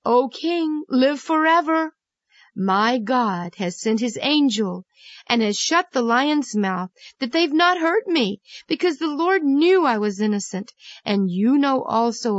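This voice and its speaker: A woman voicing a calm, faithful young man in a children's Bible story, speaking in a raised, reassuring voice. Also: a little high, unhurried, no room sound, voice pushed up. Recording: dull lo-fi, dry.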